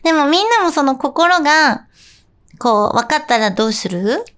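A woman's voice: high voice, very animated, normal speed, a bit bright. A young woman hosting a radio corner, chatting casually and playfully about a cartoon cat quiz and her live streaming.

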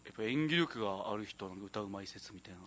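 A man's voice: lowish voice, expressive, quick pace, crowd noise. A man co-hosting a radio talk show, chatting casually and teasing his co-hosts playfully. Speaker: radio show co-host reading listener mail. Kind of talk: casual chat.

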